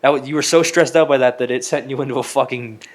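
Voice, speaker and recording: A man's voice: mid-range voice, fairly even intonation, fast. A man co-hosting a podcast in casual, crude banter, joking and acting out little scenes. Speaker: podcast co-host.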